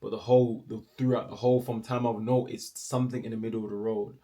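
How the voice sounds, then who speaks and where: A man's voice: fairly low pitch, little pitch movement, fast talker, mellow. A young man, telling a personal story casually and acting out the other people's voices playfully. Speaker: storyteller vlogger.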